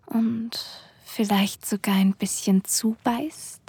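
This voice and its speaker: Casting: woman for adult ASMR role-play audio. Airy, extremely breathy delivery, intimate manner, close and dry recording. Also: medium pitch, fairly even intonation, takes it slowly, mellow, dry recording. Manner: sensual, intimate, addressing the listener directly. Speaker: erotic audio performer. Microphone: close microphone, dry sound.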